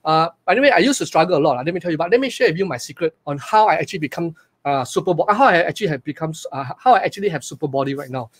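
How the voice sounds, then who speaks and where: A man in his forties with a Malaysian English accent, speaking into a webcam from a small room during a live webinar. His voice sits high and he talks quickly. He is energetic and repeats himself, often putting questions to his viewers. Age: 40s. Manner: energetic, repetitive, asks the audience questions. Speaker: online business coach. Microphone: webcam on a video call.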